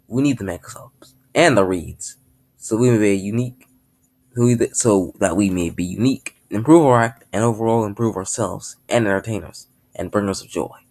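A man's voice: on the low side, darkish tone, slightly rough. A man voicing an eccentric, cheerful circus clown with a grand showman's delivery, in a storybook reading.

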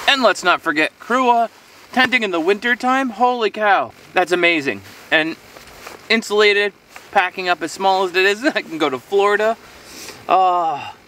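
Middle-aged man, easygoing outdoor vlogger, chatty and meandering; bright tone, camera mic set back outdoors. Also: a little high, far from the mic, slight background noise. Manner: rambling, easygoing, talking to himself while eating. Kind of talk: casual solo vlog. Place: outdoors on a frozen lakeshore in winter. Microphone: camera on a tripod a few metres away.

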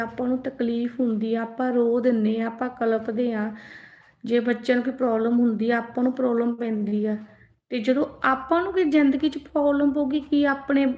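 Woman, young adult, earnest spiritual live-stream talk, fairly high voice, echoey lo-fi phone sound. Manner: earnest, advising directly, asks listeners questions. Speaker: religious speaker.

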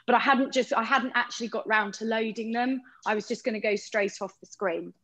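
A woman's voice: fairly high pitch, a little fast, a bit bright, rough recording. Chatty woman demonstrating cooking. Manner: chatty, explains step by step. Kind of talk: live cooking demo over a video call.

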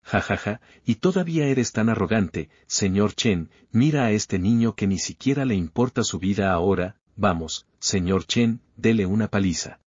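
A man's voice: on the low side, lively intonation, moderate pace, few pauses, a little mellow, slightly rough, no room sound. A man voicing an arrogant young bully who sneers and demands revenge. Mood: sneering. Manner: sneering and vengeful. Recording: slightly dull lo-fi recording.

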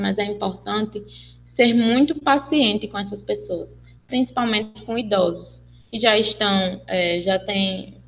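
A woman's voice: mid-range voice, a little hiss or hum, low-quality recording. Brazilian woman giving a webinar talk. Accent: Brazilian Portuguese. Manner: explanatory, with many fillers and restarts, acting out example phrases. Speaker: speech therapist lecturer. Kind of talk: webinar lecture.

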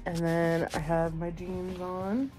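Woman doing a chatty vlog, kinda low voice, slow and halting, music playing. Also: level tone, warm tone. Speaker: vlogger. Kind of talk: casual vlog chat.

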